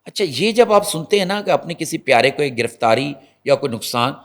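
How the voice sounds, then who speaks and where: A male reporter on a TV talk show, telling stories in an animated way and addressing viewers directly. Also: on the high side.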